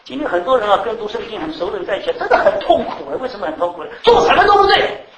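A man preaching a sermon to a class, animated, repeating words, laughing and asking the audience questions. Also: high voice, rapid-fire, distant mic. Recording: echoey room, speaker off-mic, faint background noise.

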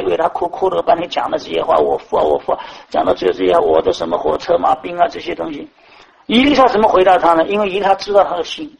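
A man with a high voice preaches a sermon. He talks to the congregation directly, asks rhetorical question after rhetorical question and keeps falling back on filler words. His tone is admonishing but conversational. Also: gravelly, rough recording.

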